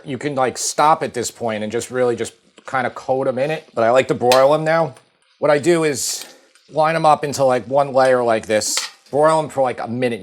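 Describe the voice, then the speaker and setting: A middle-aged man with a Long Island accent, showing a recipe in his home kitchen in a relaxed, chatty way full of fillers. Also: mid-range voice. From Long Island, New York. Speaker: cooking show host. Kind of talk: casual cooking demonstration.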